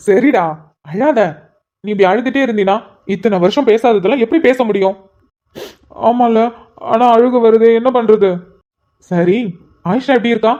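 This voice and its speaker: A woman's voice: fairly high pitch, unhurried, pauses often, mellow, natural voice. A woman voicing a sentimental young man who is emotional and pleading, in a cartoon. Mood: fond. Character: tearful sentimental young man meeting an old friend. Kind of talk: cartoon voice acting. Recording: slightly muffled lo-fi audio.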